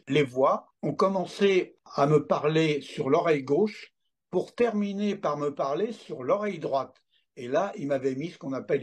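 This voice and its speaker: A man's voice: fairly high pitch, a little mellow, slightly rough. A man in his seventies, a guest telling his own story in casual talk, acting out remembered dialogue as he goes. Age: 70s. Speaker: interview guest.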